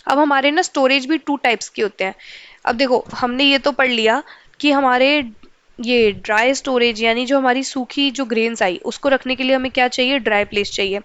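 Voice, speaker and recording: High, smooth-voiced woman teaching science. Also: normal speed, a bit bright, no echo, lo-fi sound. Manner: asks questions and answers them herself, often checks with "ok?"; mixes in English terms and phrases. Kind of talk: explaining a school science chapter.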